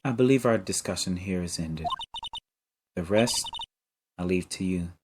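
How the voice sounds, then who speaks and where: A man's voice: deep voice, unhurried, noisy background. A man voicing a cold, haughty female prosecutor in a game reading, with a curt manner.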